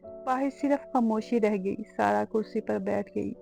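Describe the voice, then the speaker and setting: A woman narrating an emotional novel in slow, dramatic storytelling. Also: mid-range voice, fairly even intonation, creaky, dark tone, soft background music.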